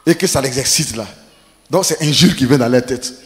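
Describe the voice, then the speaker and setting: A man preaching, telling funny family stories with laughter and animated delivery. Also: medium pitch, fairly quick, long reverb tail. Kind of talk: humorous sermon storytelling.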